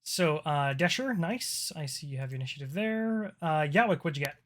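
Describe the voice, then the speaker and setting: A man narrating a tabletop roleplaying game as game master in a casual, halting way. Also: a little high, lively intonation, fairly bright tone.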